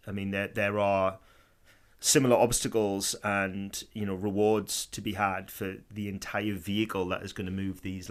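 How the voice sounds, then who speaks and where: A man co-hosting a podcast in casual chat. He rambles, swears freely and keeps saying "I mean". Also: on the low side. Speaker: podcast co-host.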